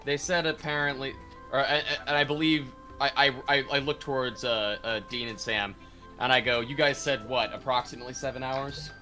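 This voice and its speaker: Quick-talking man chatting over game music. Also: medium pitch, fairly even intonation, pushed and bright. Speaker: tabletop game player. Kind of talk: casual online game chat. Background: clear music.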